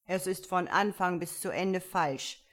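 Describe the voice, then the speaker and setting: A woman voicing a curt, contrary caterpillar in a storybook reading, speaking slowly and bluntly. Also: low-pitched, steady tone. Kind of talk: audiobook character voice.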